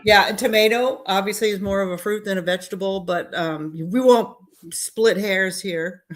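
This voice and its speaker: A woman's voice: mid-range voice, moderate pace. A woman co-hosting a casual nutrition podcast, chatty, trailing off with fillers and laughing often. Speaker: podcast co-host.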